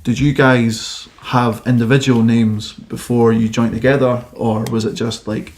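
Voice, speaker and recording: A man with an Edinburgh accent hosts a casual podcast chat. His pitch sits in the middle of the male range, and he talks in a loose, rambling way, full of fillers. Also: little pitch movement, a little slow, darkish tone, slight background noise. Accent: Scottish, Edinburgh. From Scotland. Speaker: podcast host.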